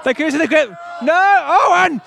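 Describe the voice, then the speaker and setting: A man giving excited, shouted play-by-play commentary on a tug of war at an outdoor village fair. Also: extremely high pitch, fairly quick, creaky, some chatter behind, slight background noise. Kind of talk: live sports-style commentary.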